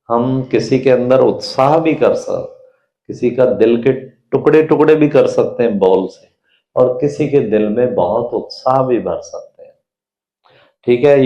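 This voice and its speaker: Slow mellow guy preaching at a retreat, tells little stories, roomy hall sound. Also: mid-range voice, lo-fi sound. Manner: slow, story-telling, mixes English phrases, acts out quoted voices. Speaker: spiritual speaker at a health retreat. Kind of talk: sermon-style talk with parables.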